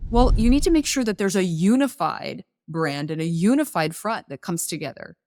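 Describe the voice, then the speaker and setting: A woman's voice: fairly low pitch, lively intonation, normal speed, a little mellow, dry recording, clean studio sound. A woman hosting a business podcast, explaining ideas in a coaching tone, asking rhetorical questions and interviewing guests. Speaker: podcast host.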